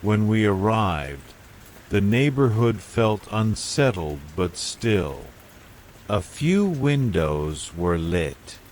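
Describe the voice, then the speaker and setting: Deep, slow-talking male horror narrator. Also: sing-song, a little mellow, slight background noise. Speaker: storyteller. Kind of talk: bedtime horror story narration. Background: falling rain.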